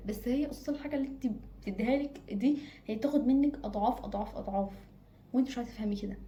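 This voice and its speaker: A woman's voice: a little high, mellow, slight background noise. A woman with an Egyptian Arabic accent giving casual advice straight to her own camera, emphatic and repeating phrases for stress. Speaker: advice vlogger. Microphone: self-filmed camera.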